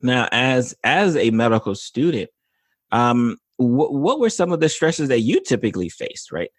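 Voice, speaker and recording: A man's voice: mid-range voice, big pitch swings, normal speed, no room sound, clean studio sound. A man hosting a podcast interview, talking casually and rambling with many restarts and fillers. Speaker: podcast host, physician.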